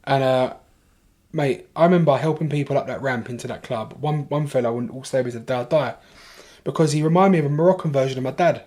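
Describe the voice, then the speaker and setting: A podcast guest with a London accent tells a long story casually and fast, his voice mid-range. He's animated, swears freely and keeps starting his sentences over.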